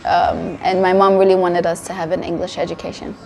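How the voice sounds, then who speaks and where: A woman in her twenties from Sierra Leone, raised in Denmark, answering interview questions in a thoughtful, steady way with frequent ums, recorded in a cafe. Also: on the low side, a little fast. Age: 20s. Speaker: interview guest, wellness coach. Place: indoor cafe.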